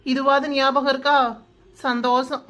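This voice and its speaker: A woman's voice: high-pitched, level tone, measured pace, a bit bright. A woman voicing a brash young bride-to-be in a cartoon, with a Kanyakumari Tamil accent, hurling insults and wailing for help. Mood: scolding panicky. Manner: scolding, wailing, full of insults. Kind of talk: cartoon voice acting.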